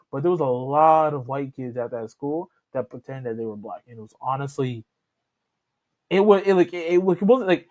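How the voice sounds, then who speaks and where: A man reacts to a clip in a casual ramble, often restarting his sentences. His voice sits a bit high and swings up and down with lots of life. The recording is dull and lo-fi. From Canada. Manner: rambling, repeats and restarts while he talks. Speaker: reaction channel host.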